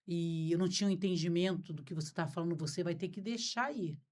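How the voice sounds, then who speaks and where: A woman's voice: on the low side, quick pace, a little mellow. A Brazilian woman hosting a podcast, talking frankly and informally. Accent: Brazilian Portuguese. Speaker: podcast host. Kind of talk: conversational interview.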